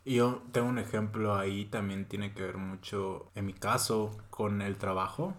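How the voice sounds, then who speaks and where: Chatty relaxed male podcast co-host. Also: fairly low pitch, moderate pace, echoey room. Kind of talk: casual podcast chat.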